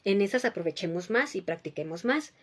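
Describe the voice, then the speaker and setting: A woman's voice: mid-range voice, animated, a little fast. A woman hosting a talk on emotional health, explaining step by step in a teacherly way, checking in with listeners and repeating key points for emphasis. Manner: teacherly, checks in with a frequent rhetorical "¿sí?". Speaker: host giving emotional-health advice. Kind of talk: explanatory talk answering viewers.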